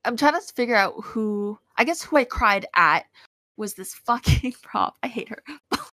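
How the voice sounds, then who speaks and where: A woman in casual chat, candidly telling animated stories and acting out what others said. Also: on the high side, normal speed, no room sound. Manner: candid, animated storytelling, acts out quotes.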